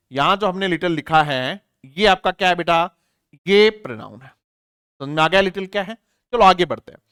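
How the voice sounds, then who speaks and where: Animated, slow-paced male grammar teacher. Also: sits high, clear, resonant tone, no room sound, studio quality. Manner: slow, drawn-out dictation of example sentences, frequent rhetorical checks. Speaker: English teacher. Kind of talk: exam-prep grammar lesson.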